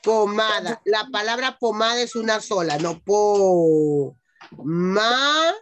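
Over a video call, a woman primary school teacher patiently dictates to young children in an online class, sounding out words syllable by syllable. Her voice is medium in pitch and slow, with slight background noise.

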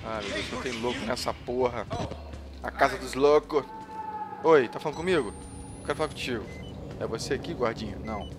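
A man's voice: medium pitch, fairly quick, long pauses. A man from Brazil commentating a horror game, nervous and jumpy, swearing and making nervous jokes. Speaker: gameplay streamer. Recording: game music underneath.

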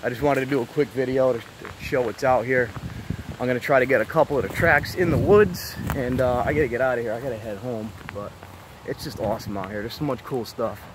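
Strolling through an overgrown, abandoned outdoor site, a man who vlogs urban exploration talks easily to his viewers and voices his amazement at what he sees. He speaks quickly at a medium pitch, with background noise present.

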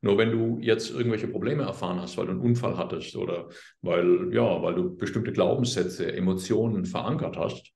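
A man speaking as an interview guest, explaining his work in a calm, earnest, unhurried way. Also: sits low, gravelly, echoey room. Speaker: guest, healer. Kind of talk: conversational interview.

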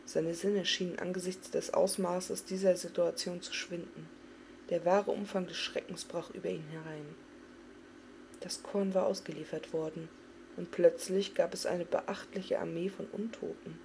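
A woman giving an expressive, dramatic reading of a fantasy novel. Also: fairly low pitch, normal speed, gravelly, a little hiss or hum. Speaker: audiobook reader.

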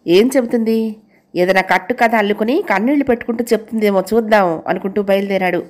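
A woman storyteller giving steady, expressive scripted narration of a novel. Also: medium pitch.

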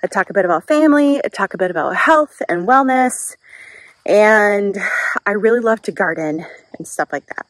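A woman's voice: mid-range voice, animated, normal speed, no echo, poor audio. Chatty Midwestern woman in her garden. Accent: Midwestern American. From Wisconsin. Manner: chatty, upbeat, self-deprecating. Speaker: vlogger, mom. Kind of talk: casual chat while gardening. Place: outdoor garden. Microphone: handheld camera.

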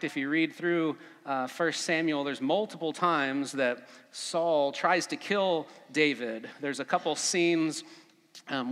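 A man preaching a conversational sermon as pastor at a pulpit microphone, relaxed, with frequent fillers. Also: medium pitch. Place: church sanctuary. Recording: long church reverb.

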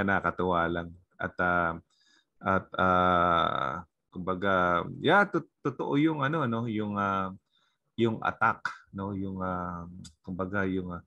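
Low-voiced Filipino pastor on a video call. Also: male voice, pushed and bright, no echo. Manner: conversational, mixing in English, many fillers and tag questions. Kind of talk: leading an online prayer meeting.

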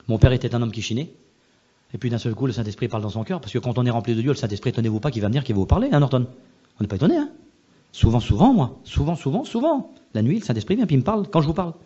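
A man, a pastor, telling a personal testimony in a sermon, repetitive and emphatic, moving between hushed and loud passages. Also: mid-range voice, breathy edge, dull audio.

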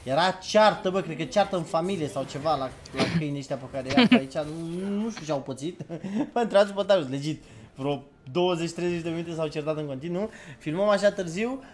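A man's voice: a little high, hardly any pauses. A man hosting a casual gaming chat, talking loosely with fillers and laughs. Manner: chatty, laughing, filler-heavy. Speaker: streamer host.

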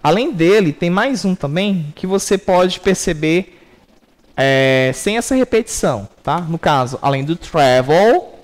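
A man's voice: fairly high pitch, lively intonation, a little slow. A man with a Brazilian accent, an English teacher giving a recorded class lesson, explaining step by step and checking in with frequent "ok?".

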